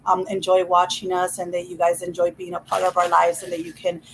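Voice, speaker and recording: A woman's voice: lowish voice, monotone, a little fast, slight background noise, low-quality recording. A woman vlogger chatting casually, rambling and effusive with many restarts. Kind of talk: casual chat.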